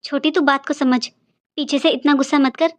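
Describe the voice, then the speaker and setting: A cautious elder sister from a family cartoon, as a woman puts her on, speaking low and hushed to calm everyone down. Even lowered, her voice stays fairly high, and she sounds soothing and careful. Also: moderate pace, noisy background, lightly acted. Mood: hushing. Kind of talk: cartoon voice acting.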